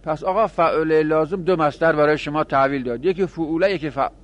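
Man chanting grammar examples in class. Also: on the high side. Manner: chanting example words slowly, then explaining quickly; addresses students directly, with small laughs. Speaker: seminary teacher. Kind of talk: classroom lecture on Arabic grammar.

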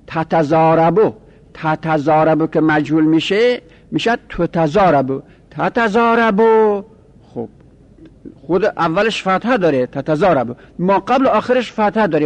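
A man lectures in a methodical way, stating each rule and then repeating it. His voice sits a little high for a man. He sounds like a teacher talking a class through a lesson. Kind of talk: lecturing on Arabic grammar.

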